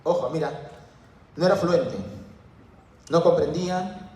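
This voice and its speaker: A man's voice: a little high, takes it slowly, darkish tone, far from the mic. Lecturing man in a very echoey room. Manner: asks students questions and answers them himself. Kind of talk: university lecture. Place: classroom.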